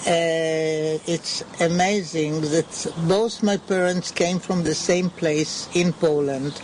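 Older woman from Israel, interview guest, speaks slowly and haltingly while searching for words, faint background noise. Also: deep voice, fairly even intonation, darkish tone. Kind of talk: unscripted recollection.

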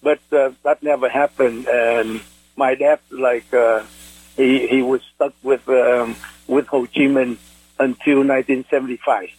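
An older man speaks English as a second language with a Vietnamese accent. He takes his time, at an unhurried pace, halting as he searches for words while recounting memories as a radio interview guest. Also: medium pitch, steady tone, a little mellow, slightly rough, no room sound, low-quality recording. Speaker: interview guest, war veteran.

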